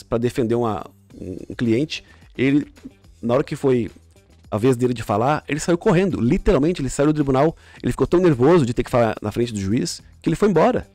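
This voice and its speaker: A rapid, explanatory man, a communication coach talking as a podcast guest. His voice is dry and close with no room sound, and he keeps piling on examples and restarting his sentences. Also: medium pitch, warm tone, dry recording. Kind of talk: casual podcast chat.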